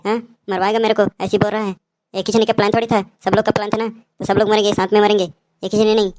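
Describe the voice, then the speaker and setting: A woman's voice: medium pitch, little pitch movement, fast, a little mellow, close to an everyday voice. A woman voicing frightened, squabbling kids in a cartoon. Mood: panicky. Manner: panicky, squabbling. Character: jittery cartoon kids on a night camp. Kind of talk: cartoon dubbing.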